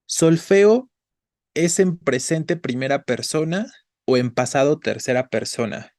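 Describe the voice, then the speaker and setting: A man's voice: medium pitch, dry recording, studio quality. A man teaching a Spanish grammar class, patiently explaining and checking in with his students. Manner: patient, checks in with frequent "¿no?" and "¿vale?"; spells out syllables slowly.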